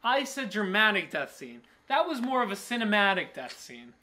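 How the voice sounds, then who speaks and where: Excitable high-voiced young man, gaming commentary. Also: moderate pace. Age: 20s. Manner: excitable, jokey, exclaiming. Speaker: let's play host. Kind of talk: casual gaming commentary with a co-host. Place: small living room, indoors on a couch.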